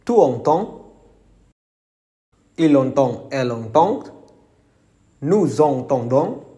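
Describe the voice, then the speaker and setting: Slow, deliberate male language teacher. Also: medium pitch, sing-song, mellow. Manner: slow, deliberate, enunciated recitation. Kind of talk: slow conjugation drill.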